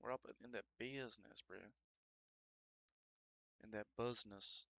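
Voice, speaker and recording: A man's voice: fairly low pitch, fairly even intonation, a little slow, fairly bright tone, no room sound, highs cut off. A man live-streaming as he sculpts, chatting casually and trading crude jokes with his viewers while he works. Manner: joking, crude banter with chat; talks while working.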